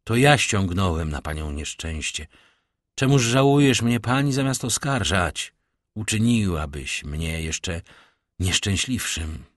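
A man reading the measured, solemn speech of a dignified nobleman in an audiobook. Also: sits low, animated, no room sound, studio quality. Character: dignified, consoling nobleman count.

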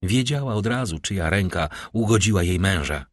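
A man voicing a grieving middle-aged noblewoman who pleads with hushed desperation for her son. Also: low-pitched, expressive, normal speed, dry recording, studio quality. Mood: pleading.

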